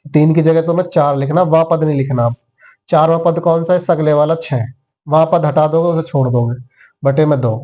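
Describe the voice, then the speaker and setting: Mellow-voiced man teaching maths. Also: fairly high pitch. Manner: talks students through each step, counting aloud. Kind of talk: classroom lesson.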